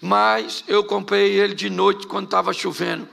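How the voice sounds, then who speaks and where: A man's voice: high voice, level tone, normal speed, vocal fry, bright, forceful tone, a little hiss or hum. A middle-aged Brazilian man preaching a sermon as pastor, firing off rhetorical questions and joking asides.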